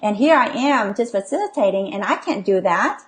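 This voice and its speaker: A woman's voice: medium pitch, lively intonation, moderate pace. A middle-aged woman coach and healer hosting a live online session, reading viewer comments and reassuring them with frequent "okay?" and filler sounds. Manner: reassuring, many okays and ums, reads comments aloud.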